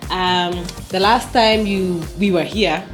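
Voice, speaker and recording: A woman's voice: fairly low pitch, fairly even intonation, slow pace, soft background music. Chatty woman hosting a podcast. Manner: warm, chatty, thanking listeners. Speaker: podcast co-host. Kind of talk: casual group chat.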